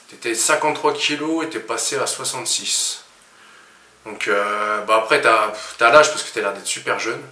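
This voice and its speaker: A man's voice: medium pitch, pushed and bright. A man with a northern French Ch'ti accent, a fitness coach talking through his workout in a chatty vlog with joking asides. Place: gym. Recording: echoey room, mic at a distance.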